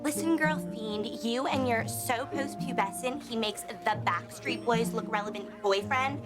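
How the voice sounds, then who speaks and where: A stuck-up teenage girl sneers in an overdone valley girl drawl, played by an actress. Her voice sits fairly high and she takes her time over each insult. Loud music plays under her. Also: a little slow, lightly acted. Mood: snide. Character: snobby teen girl in a put-on valley girl voice.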